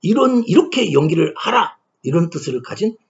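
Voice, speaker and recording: A man's voice: sits high, big pitch swings, moderate pace, vocal fry. A man giving a lecture who asks himself questions and answers them with emphasis. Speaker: lecturer on ancient Korean poetry. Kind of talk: classroom-style lecture. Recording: dull lo-fi recording.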